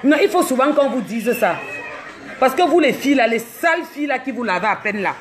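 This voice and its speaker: A woman's voice: high-pitched, animated, a little fast, some chatter behind. A woman from Cameroon, ranting on a livestream, mocking and scolding with laughs between jabs. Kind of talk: live social media rant.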